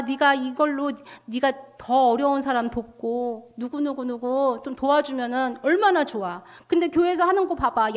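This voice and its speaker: A woman voicing a sly devil who murmurs temptations in a low, coaxing tone.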